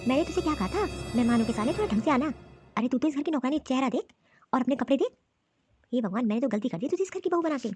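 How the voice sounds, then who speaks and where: A woman voicing a scheming, scolding middle-aged mother-in-law in a cartoon, talking in a sharp, taunting, bossy way. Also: high-pitched, animated, quick pace, soft background music. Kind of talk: cartoon voice acting.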